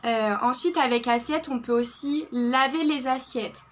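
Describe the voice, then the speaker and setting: A young French woman with a Bordeaux French accent, teaching vocabulary and repeating each word slowly and carefully. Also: high-pitched. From France. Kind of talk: online vocabulary lesson.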